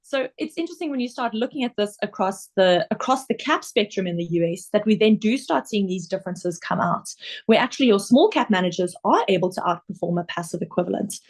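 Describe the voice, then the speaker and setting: In an animated, mid-range voice, a woman with a South African accent gives a slide-based webinar as an investment director. She explains carefully and steadily, dropping in an um now and then.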